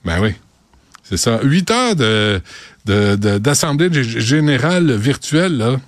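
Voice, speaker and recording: A man's voice: mid-range voice, sing-song, unhurried, no room sound. A man hosting a radio show, chatting in a teasing, emphatic way. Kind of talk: casual radio chat.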